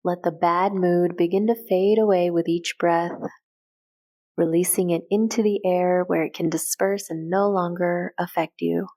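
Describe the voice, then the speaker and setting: Leading a guided meditation, a woman speaks with a slightly low-set voice and a calm, gentle delivery. She offers soft directions in brief, measured phrases without ever hurrying.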